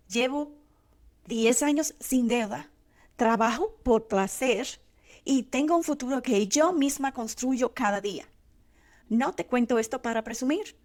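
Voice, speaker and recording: A middle-aged woman from Latin America gives an earnest motivational monologue to the viewer, speaking slowly and deliberately with pauses between short, emphatic phrases. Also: sits high, darkish tone. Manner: earnest, speaking directly to the listener. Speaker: host.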